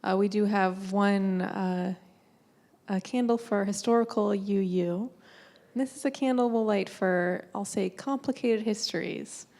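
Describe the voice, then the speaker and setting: A woman leading part of a service, telling a story in a relaxed, gently wry way with occasional fillers. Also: medium pitch, creaky. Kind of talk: conversational storytelling.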